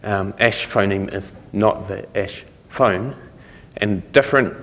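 A middle-aged man giving an informal conference lecture, explaining things in a halting way with trailing thoughts. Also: lowish voice, fairly bright tone. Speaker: conference speaker. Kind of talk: technical lecture to an audience. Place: conference lecture room, indoors. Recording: reverberant hall recording.

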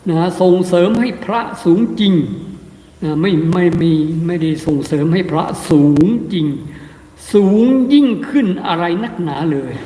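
A man's voice: high voice, moderate pace, dark tone, roomy sound, big-room sound. A man, a Buddhist monk, delivering an emphatic, scolding sermon full of short repeated tag words. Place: Buddhist center hall.

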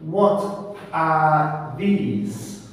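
A man in his thirties who teaches English asks simple exam questions and offers short, encouraging praise. His voice is fairly high and animated, with drawn-out words. He is in a small, bare indoor classroom, captured by a far camera microphone in an echoey room with faint noise.

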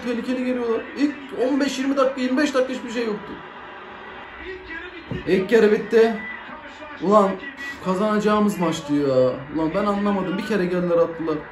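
With a high voice, a man reacts live to a football match, excitable and slangy, lurching between shouts and grumbles. The room he's in sounds echoey.

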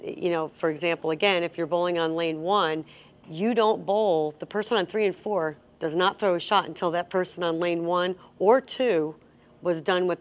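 Seated at a table in a bowling center, a middle-aged woman with a lowish voice hosts a bowling lesson. In an instructional chat, she explains each step and guides her co-host along with questions.

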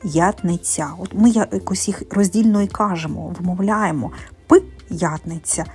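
A woman teaching in a methodical way, pronouncing sounds and syllables slowly and carefully. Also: medium pitch, a little mellow, slightly rough, faint music behind. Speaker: primary school teacher.

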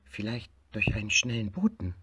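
A man voicing an eager, excitable little male tiger in a storybook reading, with a raised, slightly husky voice. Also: lowish voice, normal speed, no echo, full character voice. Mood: tender.

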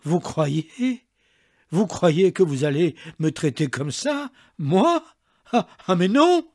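A man's voice: high-pitched, very animated, slow pace, darkish tone, pitched above the performer's own voice, full character voice. A man doing a shrieking old servant woman. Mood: furious shrieking. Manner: shrieking, stammering rage. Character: furious old female servant, shrill and scolding.

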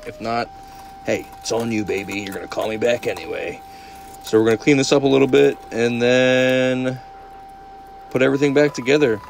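Here the same playful plumber, phone held or worn for a first-person view, jokes around with viewers and calls them "baby" as he works indoors in a basement and tiled bathroom. He's a young man with a mid-range, creaky voice at a normal speed, and the recording carries plenty of job-site noise.

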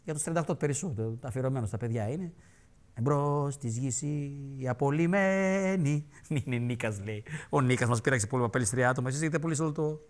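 A man hosting a television show, delivering mocking, sarcastic political commentary in animated rants. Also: mid-range voice. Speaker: TV show host. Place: television studio.

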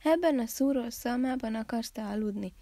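A woman's voice: a little high, mellow, no echo. A woman doing a bossy indignant rabbit. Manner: indignant, scolding. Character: bossy outspoken female rabbit friend.

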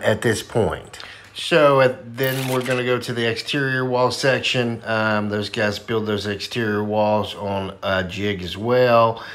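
A man's voice: mid-range voice, fairly bright tone. A man narrating a walkthrough of a home factory as a dealer, enthusiastic and casual, with frequent ums and uhs.

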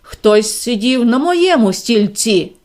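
An indignant mother bear growls out her complaint in a storybook tale, as a woman reader puts her on. She roars, but gently, in a fairly high and unhurried voice. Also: lively intonation. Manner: roaring but less loud.

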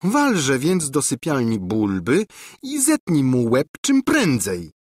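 A man voicing a scheming older woman housekeeper who talks in a hushed voice. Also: mid-range voice, huge pitch swings, slow, no echo, studio quality, voice pushed up, heavily acted. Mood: sly. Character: scheming whispering female housekeeper.

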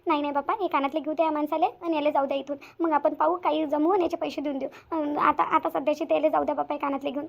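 A woman playing a pleading, high-voiced young wife. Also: steady tone, racing, vocal fry, few pauses. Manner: pleading, insistent.

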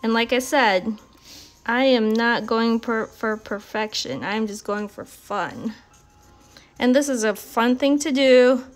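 A woman with a slightly high voice gives a relaxed painting demonstration, chatting in an encouraging, think-aloud way. She talks at an unhurried, slow pace, and soft music plays faintly behind her. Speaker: art instructor. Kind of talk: casual live painting demonstration.

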